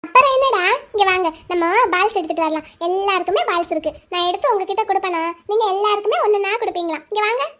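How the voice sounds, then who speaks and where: A woman voicing a gentle young schoolteacher in a cartoon who coaxes a crying child in a soothing sing-song way. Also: extremely high pitch, fast talker, hardly any pauses. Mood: coaxing. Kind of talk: cartoon voice acting.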